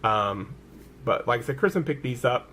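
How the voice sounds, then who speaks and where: A chatty man with a light Southern American drawl talks through a haul in an easygoing, rambling way. He stumbles over words and corrects himself as he goes. His pitch sits in a middling range, with a faint hiss of background noise. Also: expressive, moderate pace, a bit bright. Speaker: vlogger. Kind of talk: casual product haul chat.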